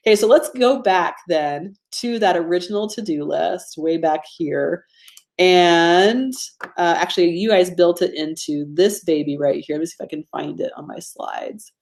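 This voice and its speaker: A woman's voice: fairly low pitch, normal speed, vocal fry, darkish tone. A woman with a Georgia Southern accent hosting an informal online training, chatty and self-deprecating, often checking in with her listeners. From Georgia, United States. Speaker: host of a live online productivity training. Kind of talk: informal webinar teaching with audience interaction.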